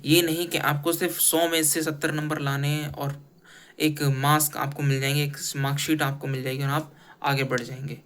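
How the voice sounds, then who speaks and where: A man's voice: a little high, flat delivery, normal speed, fairly bright tone. A man from India giving an earnest, critical opinion piece in casual talk, restarting his phrases often. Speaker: commentator.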